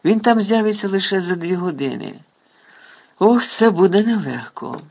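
A man with a husky voice voicing an anxious, clever schoolgirl in a storybook reading. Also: high-pitched, lively intonation, normal speed, darkish tone, voice pushed up, full character voice. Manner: urgent, pleading.

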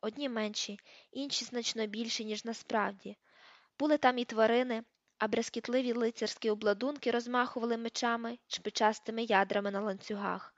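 A woman's voice: a little high, steady tone, fairly quick, no room sound. A woman narrating an audiobook, reading the page numbers aloud and shifting her voice for the characters. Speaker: audiobook reader. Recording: dull lo-fi dry recording.

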